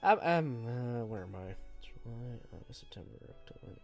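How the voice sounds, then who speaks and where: This man streams games and talks in a loose, self-deprecating ramble, stuffy-nosed and still coughing. His mid-range voice has vocal fry and a moderate pace, he describes it himself as monotone, and faint music plays behind him.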